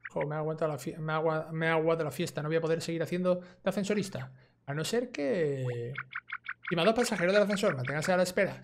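His voice is a little high: a young adult YouTuber with an accent from Spain, casually chatting through a let's play and voicing game dialogue. Video game music and slight background noise sit behind him.

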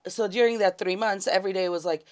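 A woman in her forties from Kuwait, a podcast guest telling her story in a casual, animated way, acting out the people in it. She speaks in a small studio set. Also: mid-range voice, fast. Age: 40s.

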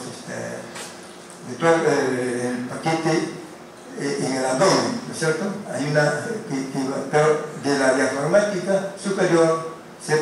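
Male lecturer, slightly high voice, hesitant with many fillers, frequent tag questions, heavy room echo. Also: slight background noise. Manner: keeps checking in with tag questions. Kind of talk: classroom lecture with slides. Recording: very echoey room, mic far off.

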